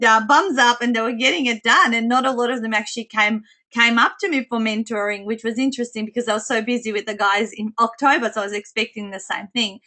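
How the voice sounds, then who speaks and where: A woman with a slightly squeaky voice presenting an informal online coaching call in a chatty way. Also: sharp tone.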